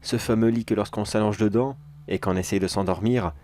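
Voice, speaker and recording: A man's voice: fairly low pitch, steady tone, a little fast, darkish tone, a little hiss or hum, lightly acted. A man playing a casual, self-assured security major in a horror audio drama, musing aloud and talking to himself. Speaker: security agent.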